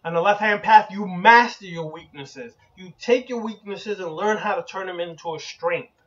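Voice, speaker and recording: Man, high voice, emphatic repeated slogans, blunt, occult sermon, muffled lo-fi sound. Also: normal speed, fairly bright tone. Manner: occasionally profane. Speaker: occult channel host. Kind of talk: preaching monologue. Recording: dull lo-fi recording.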